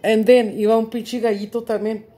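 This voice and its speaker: Her voice is fairly high and warm, with little pitch movement and a normal speed. She's a middle-aged woman with a Mexican accent who vlogs casually from home, blending English and Spanish, crude slang, and plenty of laughs.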